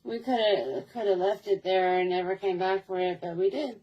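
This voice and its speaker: A woman's voice: mid-range voice, moderate pace, highs cut off. A woman telling a childhood story in a casual, rambling way, repeating herself and restarting often. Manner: rambling, repetitive, with many restarts.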